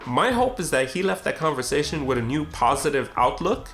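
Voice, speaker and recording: A young street photographer with a fairly high, bright voice tells a personal story in a brisk, casual, reflective way, with big pitch swings as he acts out both sides of the dialogue. Faint music plays behind him.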